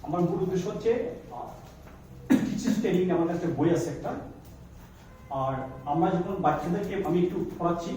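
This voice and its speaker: A man training teachers in English pronunciation. He quizzes his audience, mixes in English phrases and drills words slowly. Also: high voice. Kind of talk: classroom workshop lecture. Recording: echoey room from far off.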